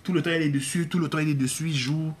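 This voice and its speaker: A man preaching in an informal, streamed style, his voice sitting a touch high for a man. He repeats phrases for emphasis and slips into acted-out prayers and exchanges, talking as if to one listener. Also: fairly even intonation, fast. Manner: emphatic, repetitive, acts out prayers and dialogues. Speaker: pastor. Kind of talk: conversational live-streamed sermon.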